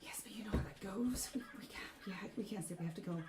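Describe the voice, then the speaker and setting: A woman voicing an anxious woman who speaks softly and urgently. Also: medium pitch, big pitch swings, normal speed, roomy sound, natural voice. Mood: urgent hushed. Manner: soft, urgent and pleading. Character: anxious woman caring for a sick man.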